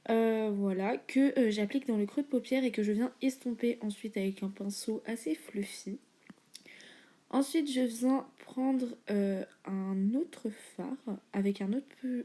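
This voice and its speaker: A woman's voice: a little high, mellow. A young woman chatting casually through a makeup tutorial, with many fillers and informal slang. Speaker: beauty vlogger.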